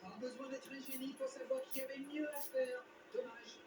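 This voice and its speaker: A man's voice: very high-pitched, steady tone, normal speed. An actor playing an opinionated male football co-commentator analysing a match in a video game. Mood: dismayed. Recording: distant, echoey, noisy TV game audio.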